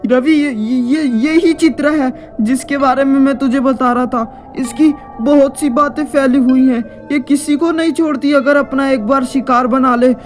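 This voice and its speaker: A woman's voice: sits high, fairly even intonation, a little slow, few pauses, soft background music. A woman voicing a frightened young man who urges his friend to escape, stammering and urgent.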